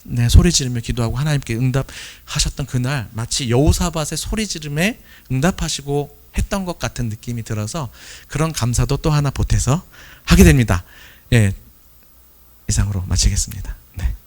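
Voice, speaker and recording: A man's voice: medium pitch, lively intonation, normal speed, a little mellow. A man, a pastor, giving a sermon testimony and telling a story with acted quotes.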